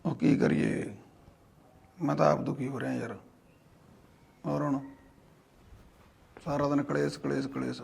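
A man as a gravelly, lecturing father. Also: medium pitch, level tone, a little slow, long pauses, a little mellow. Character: middle-aged father, gruff but indulgent. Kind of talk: short film acting.

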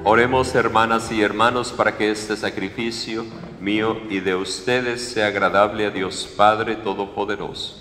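A male priest leading Mass at the altar, reciting prayers in a measured, solemn way. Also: on the low side, fairly even intonation, a bit bright, faint music behind. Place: large church sanctuary, at the altar. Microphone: far fixed camera, room mic. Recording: echoey church with long reverb.

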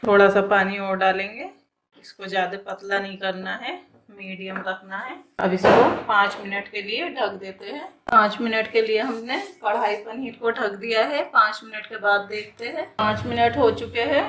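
A woman who hosts a home cooking channel, calmly explaining each step of a recipe as she cooks in her kitchen. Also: mid-range voice, normal speed. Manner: calm, plain step-by-step explaining with repeated phrases. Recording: echoey kitchen with cooking sizzle. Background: frying sizzle and stirring clicks.

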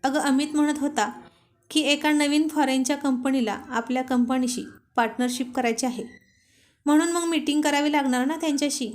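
A woman's voice: high voice, fairly even intonation, moderate pace, lightly acted. A woman voicing a playful, affectionate young husband who teases and coaxes his wife in a storybook reading. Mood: teasing. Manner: teasing, coaxing.

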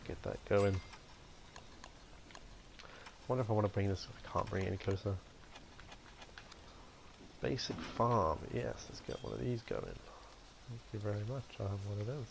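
Gravelly low-voiced gaming commentator, man. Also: expressive, a little slow, long pauses, background noise. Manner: chatty, playful, talks to himself while playing. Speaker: gaming video host. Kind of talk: casual let's-play commentary.

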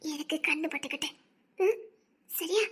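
Woman doing a devoted young village girl, soft, humble, high bright voice. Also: measured pace. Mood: tender. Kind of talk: audio drama acting.

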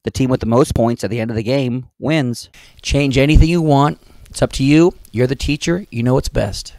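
A man hosting a physical education channel, explaining the rules of a game step by step in a clear voice-over. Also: mid-range voice, normal speed, darkish tone, dry recording. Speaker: PE teacher and channel host. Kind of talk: instructional voice-over.

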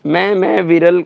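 A young male game streamer rants angrily at the screen, swearing freely through a slightly sore throat. His voice sits on the high side. The sound is dull and dry, like a cheap mic close in a small room. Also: creaky, no echo. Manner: angry, swearing, ranting. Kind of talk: live gaming stream chat.

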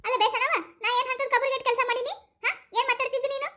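A brash young village woman , as a woman puts her on snaps back in shrill, mocking bursts with a North Karnataka Kannada accent. She talks very high and fast. It is a rustic comedy sketch. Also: flat delivery, pushed and bright. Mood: defiant. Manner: shrill, mocking, laughing retorts.

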